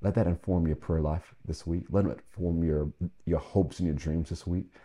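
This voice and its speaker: Man, pastor, devotional sermon, very low voice, husky tone, emphatic. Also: steady tone. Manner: emphatic, slows and drops to a hush on key phrases; urges listeners to repeat after him.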